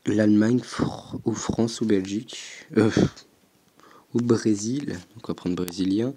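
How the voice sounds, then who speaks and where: A young man talks through a football game in casual commentary, pausing often to think aloud. His voice sits a little low and mellow, and he speaks slowly. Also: slightly rough. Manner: slow, hesitant, thinking aloud with frequent "euh". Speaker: gaming YouTuber.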